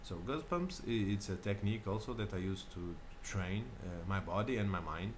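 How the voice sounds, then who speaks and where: A deep-voiced man in his thirties speaks English with a Portuguese accent, hesitant and full of fillers and restarts. He talks casually to his camera at home, with a clear hiss of background noise. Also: animated, moderate pace. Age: 30s. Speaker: channel host. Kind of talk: casual self-recorded talk. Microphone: camera mic.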